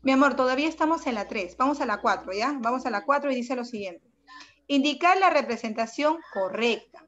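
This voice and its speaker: A woman runs an online language lesson, fairly high-pitched, patient and affectionate yet firm. Her voice comes through a dull, lo-fi video call. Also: expressive, fairly quick, a bit bright. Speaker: secondary school language teacher. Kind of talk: online class. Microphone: computer mic on a video call.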